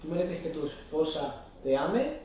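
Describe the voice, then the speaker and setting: Frequently asking his congregation short questions, a male pastor delivers a sermon in a church hall. He speaks a little slowly in a sing-song, warm voice on the high side, and the distant mic picks up echo and slight background noise.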